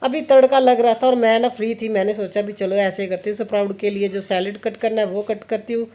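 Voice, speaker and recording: A woman's voice: mid-range voice, fairly even intonation, a little fast, warm tone. A woman in her thirties from India, chatting casually about her family and her kitchen routine as she works, with frequent laughs. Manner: chatty, laughs often, quotes family conversations. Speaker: home vlogger, mother.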